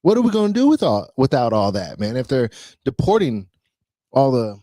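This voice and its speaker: A man co-hosting a podcast in casual chat, playful and rambling, pausing on fillers as he talks. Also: medium pitch, big pitch swings, mellow, dry recording. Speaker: podcast co-host.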